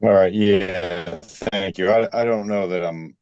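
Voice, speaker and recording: Man speaking over a glitchy call that keeps breaking up, very low pitch, hesitant, phone on video call. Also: steady tone, measured pace, darkish tone, no room sound, lo-fi sound. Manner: hesitant, many fillers and restarts. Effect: glitchy, cutting-out call audio. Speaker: school board member. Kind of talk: remote board meeting discussion.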